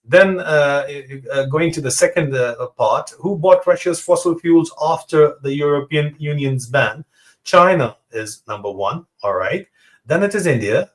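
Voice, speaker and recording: A man with a rather high voice hosts a political interview at a measured pace. He probes his guest with questions and keeps cutting in with brief acknowledgements.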